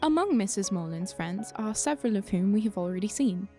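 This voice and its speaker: A woman's voice: medium pitch, animated, fairly quick, mellow, natural voice. A woman playing a teasing, worldly fairy storyteller, narrating an audio drama in an arch, theatrical way. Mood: arch, knowing. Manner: arch, conversational. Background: music.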